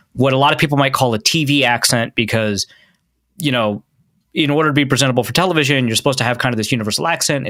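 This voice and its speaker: A man's voice: medium pitch, sharp tone, no room sound, studio quality. A man with a Midwestern accent chatting casually as a podcast host, rambling with lots of fillers and restarts. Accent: Midwestern American.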